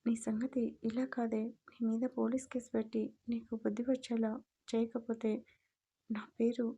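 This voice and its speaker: A woman's voice: a little high, level tone, moderate pace, dark tone, slightly rough. Woman voicing an enraged scolding mother-in-law. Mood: furious. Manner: harsh and scolding. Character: furious scolding middle-aged mother-in-law.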